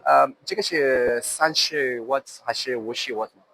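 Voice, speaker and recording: A man's voice: mid-range voice, measured pace, vocal fry, bright, forceful tone, poor audio. A man who is not a Chinese speaker, chatting casually and explaining products on site as he hosts a trade show tour. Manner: repeats short acknowledgements. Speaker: host touring a trade show. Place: indoor machinery exhibition hall.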